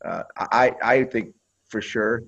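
A man's voice: medium pitch, slow, gravelly, a bit bright, dull audio. A man who played pro hockey, telling stories in a casual interview and swearing freely, often repeating and restarting his words.

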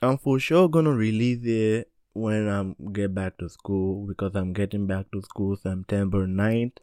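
A man's voice: on the low side, measured pace, darkish tone, clear, resonant tone, no room sound, studio quality. A man hosting a casual music review podcast, rambling and often restarting his sentences in loose slang. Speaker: podcast host.

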